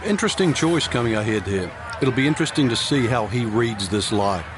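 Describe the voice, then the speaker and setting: A man's voice: medium pitch, animated, brisk. A man giving brief shot analysis as a co-commentator on a golf broadcast. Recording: loud crowd and outdoor noise behind.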